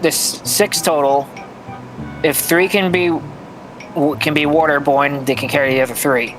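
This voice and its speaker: A man chats casually as a player at a tabletop game, working through ideas aloud in halting starts. Music plays clearly behind him. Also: on the high side, fairly even intonation, low-quality recording.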